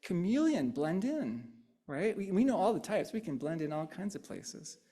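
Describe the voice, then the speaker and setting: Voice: medium pitch, big pitch swings, moderate pace, dark tone. A speaker giving an interactive sermon, talking conversationally, often tagging "right?" and echoing answers from the congregation. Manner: repeats and riffs on audience answers.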